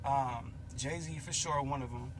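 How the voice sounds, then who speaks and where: A man co-hosting a podcast in casual chat, thoughtful and hesitant, often pausing with um and you know what I mean. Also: mid-range voice, noisy background. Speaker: podcast co-host.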